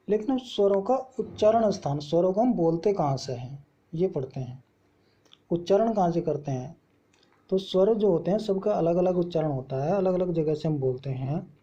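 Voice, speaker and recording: A teacher with a very dark, husky voice works through a grammar lesson step by step. He poses a question, answers it himself, and then slowly lists letters one at a time. The audio sounds dull and muffled. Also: medium pitch.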